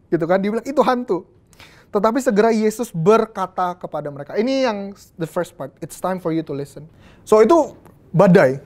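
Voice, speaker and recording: A woman's voice: on the low side, a little mellow. A young adult woman from Indonesia, preaching a youth sermon in a casual, slangy way with English phrases mixed in.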